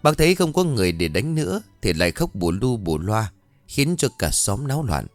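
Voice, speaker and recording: A man narrating a ghost story in an expressive, animated way. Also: fairly low pitch, brisk, no echo, soft background music.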